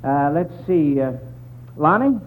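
A man's voice: on the high side, sing-song, slow. An American man hosting a 1940s radio quiz, reading questions in folksy schoolmaster patter on a tinny, noisy old broadcast. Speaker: quiz show host.

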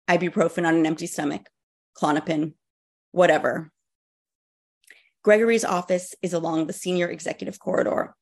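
A woman novelist reading aloud from her own book in a measured, dry, wry way. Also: on the low side. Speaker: novelist guest.

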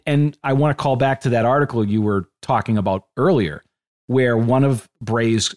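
A man's voice: medium pitch, a little mellow. A man co-hosting a podcast, talking in an opinionated, analytical way in casual chat. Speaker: podcast co-host.

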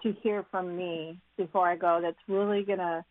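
A woman's voice: on the low side, fairly even intonation, normal speed, dry recording. An older woman, a caller, talking over the phone on a call-in show, hesitant and searching for her words. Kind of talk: call-in radio chat. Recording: tinny phone line, dry.

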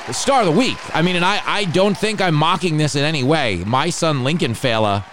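A man's voice: fairly high pitch, a little fast, a bit bright, a faint crowd, slight background noise. Ranting, sardonic male podcast host. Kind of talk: casual comedic monologue.

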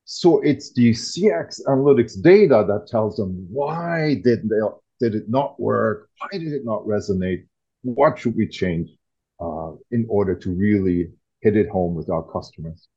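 A man talks with eager enthusiasm as the guest author. His voice is mellow and a bit husky. The audio is dull and lo-fi. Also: lowish voice, lively intonation, measured pace. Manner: explanatory, enthusiastic. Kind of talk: casual interview talk.

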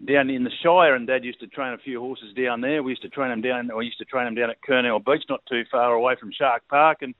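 A man's voice: mid-range voice, steady tone, a little fast, few pauses, no room sound. A middle-aged Australian man from New South Wales, a race caller telling his story in a laid-back, rambling way with lots of fillers. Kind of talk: casual interview. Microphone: phone. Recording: tinny phone line, dry.

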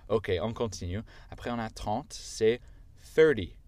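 A man's voice: on the low side, steady tone, unhurried, darkish tone, no echo. A man whose first language is English, speaking French with an American accent, patiently teaching a language lesson step by step.

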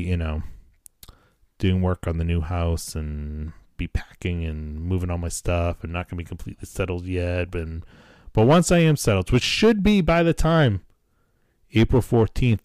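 A man's voice: low-pitched, lively intonation, normal speed, a little mellow, smooth, no room sound, studio quality. A man hosting a podcast in casual chat, joking in a self-deprecating and sometimes profane way, recorded at home in a basement. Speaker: podcast host. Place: wood-paneled home basement.

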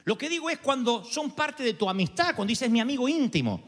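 A male pastor, preaching a sermon in an animated way and acting out quoted voices. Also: extremely high pitch, fairly quick. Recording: long hall reverb.

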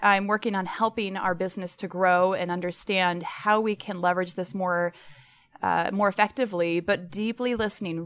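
A woman's voice: mid-range voice, fairly bright tone, clear, resonant tone. A woman guest in an interview, talking with enthusiasm in long, loose explanations with plenty of fillers. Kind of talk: podcast interview answers.

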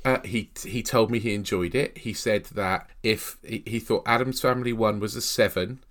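Snuffly from a cold, this thirty-something podcast co-host chats and rambles casually about film, laughing often. His voice is lowish and fairly bright, with a steady tone and normal speed.

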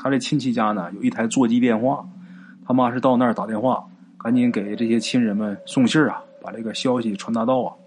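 A man narrating a ghost story in an unhurried, colloquial way with chatty asides. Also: medium pitch, fairly even intonation, a little mellow, slight background noise.

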